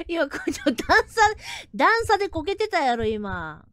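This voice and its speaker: High, lively woman streamer laughing through horror. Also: no room sound, clean studio sound. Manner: rough, blunt casual talk with frequent laughter; bursts into loud shouting at scares. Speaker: game streamer. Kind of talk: live horror game commentary.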